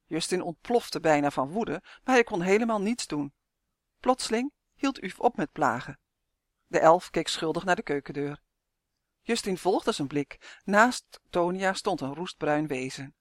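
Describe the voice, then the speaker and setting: A woman narrating a children's fantasy story in a measured, expressive way. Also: lowish voice, no echo, studio quality.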